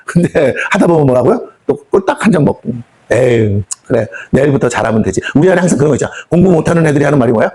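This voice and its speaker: A middle-aged man preaching a sermon with a slightly husky voice. He talks fast and pitched a bit high, chatting with the congregation, asking questions and acting out what people say. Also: animated, a little mellow. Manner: conversational, asks the congregation questions and acts out quoted speech. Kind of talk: sermon at a prayer meeting. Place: prayer house hall.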